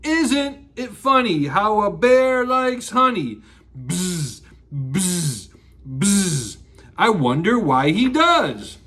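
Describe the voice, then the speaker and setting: Man voicing Winnie the Pooh, a slow, musing bear. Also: high voice, sing-song, a bit bright, heavily acted. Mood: playful singsong. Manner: ponderous, musing, repeating himself, bursting out over honey. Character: Winnie the Pooh, slow-thinking, honey-loving male storybook bear. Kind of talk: children's storybook read-aloud.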